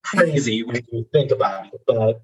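A man cohosting as a fundraising trainer, explaining step by step in a measured way. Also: medium pitch, expressive, breathy edge, dull audio. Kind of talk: explanatory advice talk.

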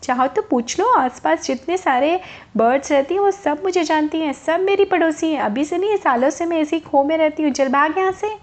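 A woman voicing a naive little female chakor bird in a children's storybook tale, who turns shrill and indignant. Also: moderate pace. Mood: outraged. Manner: shrill outraged protest.

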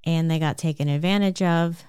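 A woman with a New Jersey accent giving a calm, measured self-help talk, explaining things step by step. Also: deep voice, clear, resonant tone, dry recording, clean studio sound.

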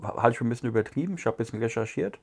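A man, co-hosting a casual cigar review chat, relaxed and musing with fillers. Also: mid-range voice, racing, creaky. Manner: relaxed, chatty, muses with fillers. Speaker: podcast co-host.

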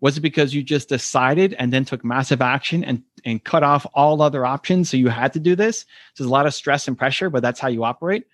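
Talking quickly with few pauses, this earnest podcast guest offers reflective answers in a conversational interview. When he quotes other people, he performs their voices with a rising pitch. The sound has no echo.

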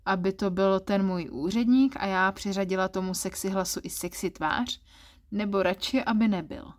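A woman narrates a first-person erotic story in a soft, intimate voice. Her pitch sits in the middle, and she sounds a little flustered and self-conscious as she reads. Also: steady tone. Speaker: story reader.

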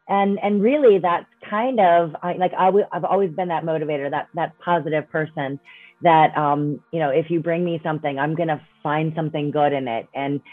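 A low-pitched woman in her fifties, a coach and speaker by profession, talks as an interview guest on a dry, tinny, phone-like line with no room sound. Her manner is casual, chatty, and upbeat, and "right?" and "you know" pop up often at the ends of her sentences.

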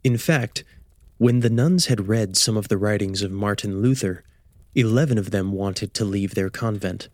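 A man with a fairly low voice reads scripted radio drama narration in a storytelling manner, posing rhetorical questions along the way. The studio-quality recording has no echo, with soft plucked guitar music behind him.

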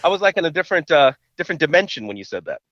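A man's voice: a little high, sing-song, very fast, a bit bright, dry recording. Man on a dull phone line, stammering. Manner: stammers and repeats words at starts. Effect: heard over a phone call. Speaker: podcast co-host. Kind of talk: casual podcast chat.

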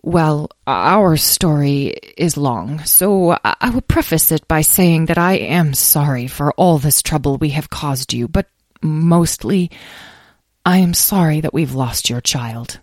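A woman's voice: sits low, lively intonation, slow, no echo, studio quality, exaggerated voice. A woman doing a fussy, formal old man. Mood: apologetic. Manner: formal, hesitant, apologetic. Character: fussy elderly man, eldest of a guild.

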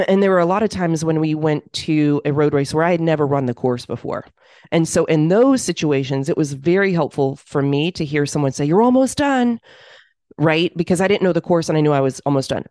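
A woman co-hosting a casual podcast as a running coach, telling stories in a measured way. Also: low voice, darkish tone, no room sound, studio quality. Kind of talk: casual chat.

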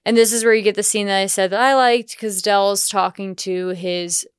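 A young woman with a very clear, crisp voice talks through a film's plot in long, chatty stretches. She co-hosts a casual review podcast. The sound is dry and close, with no room around it. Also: mid-range voice, fairly even intonation, moderate pace, dry recording. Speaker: podcast co-host. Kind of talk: casual movie review chat.

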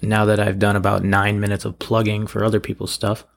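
Casual male podcast host, lowish and gravelly, allergy-hoarse, digressive and self-deprecating in unscripted solo chat. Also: completely flat delivery, fairly quick, a little hiss or hum. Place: at home, in a room below a bathroom.

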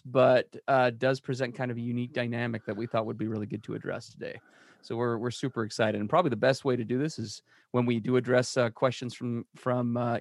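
A man co-hosting a podcast, talking in a casual, energetic way with fillers and restarts. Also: mid-range voice, dry recording, studio quality. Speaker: podcast co-host.

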